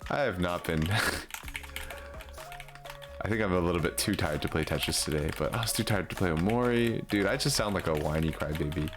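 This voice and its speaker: A man's voice: low-pitched, brisk, music in the background. A young man streaming a game, chatting casually and mocking himself with frequent laughs. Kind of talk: casual live gameplay commentary.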